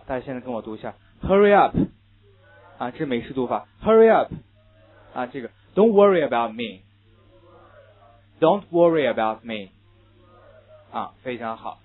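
A Chinese-speaking man teaching English pronunciation in a lecture, asking questions and answering them himself. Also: medium pitch. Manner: drills pronunciation, asks and answers own questions. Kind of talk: classroom lecture. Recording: tinny phone-like lecture recording.

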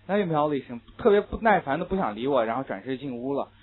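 Male English teacher, mid-pitched, chatty lecturer, lo-fi phone-like classroom recording. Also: fast, breathy edge. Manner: lively, chatty, mixes English phrases and anecdotes.

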